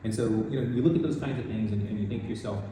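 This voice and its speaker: A man from the United States, an older math teacher, answering interview questions in a relaxed, rambling way with many restarts. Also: fairly low pitch, racing, noisy background. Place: school in Vietnam. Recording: echoey room, distant mic, music behind.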